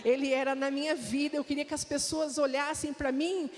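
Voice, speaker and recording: This woman's voice is high-pitched, brisk and flat in delivery, carrying a Brazilian Portuguese accent. She offers a heartfelt personal testimony to a church congregation, storytelling and regularly addressing the listeners directly. The recording has the long reverb of a church hall.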